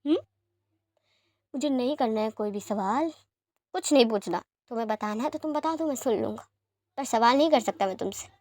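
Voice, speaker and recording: A woman's voice: fairly high pitch, darkish tone, dry recording, studio quality, close to an everyday voice. A woman voicing a doting, teasing young man who speaks fondly and reassuringly, in a fan-fiction story reading. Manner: fond and reassuring, sometimes quick.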